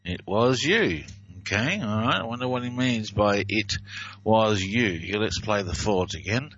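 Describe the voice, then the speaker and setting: A man's voice: fairly low pitch, animated, unhurried, a bit bright, husky, dull audio. A man hosting a talk radio show in an easygoing, chatty manner, reading out a call-in number and inviting listeners to phone in. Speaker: radio host.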